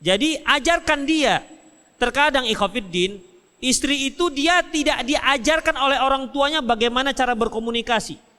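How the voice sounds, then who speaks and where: A man with a Medan Indonesian accent giving a religious study lecture and answering questions, lively and jokey, acting out little dialogues. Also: very high-pitched, moderate pace, clean tone. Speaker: Islamic preacher. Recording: hall reverb.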